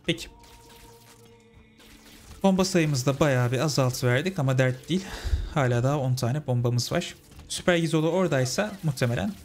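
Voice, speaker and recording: A man's voice: on the high side, vocal fry. Chatty man over game music. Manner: chatty, talks to his viewers as friends. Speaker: gaming channel host. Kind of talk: casual let's-play commentary.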